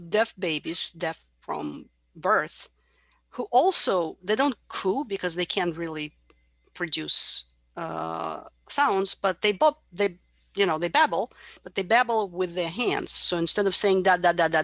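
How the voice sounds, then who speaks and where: Gravelly-voiced woman lecturing on psychology. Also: fairly low pitch, fairly bright tone, no room sound. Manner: explanatory, imitates baby babbling sounds. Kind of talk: university lecture.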